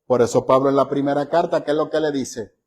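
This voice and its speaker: A man teaching a Bible study in a conversational way, emphatic, asking his listeners rhetorical questions and slowing down to stress key phrases. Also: mid-range voice, steady tone, darkish tone.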